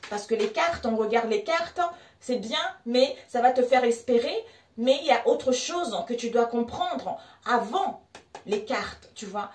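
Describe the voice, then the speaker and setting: Femme à la voix haute qui tire les cartes. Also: female voice, on the high side, a little slow, reverberant, far from the mic. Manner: animated, laughs often, addresses viewers as friends. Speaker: tarot card reader. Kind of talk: live tarot reading chat.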